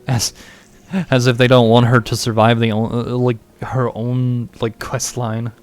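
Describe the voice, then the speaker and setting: A man's voice: medium pitch, flat delivery, unhurried, darkish tone, soft background music. A man giving casual let's-play commentary while streaming a game, rambling and joking with lots of "like" fillers. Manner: rambling and joking, heavy use of "like". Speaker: gaming streamer.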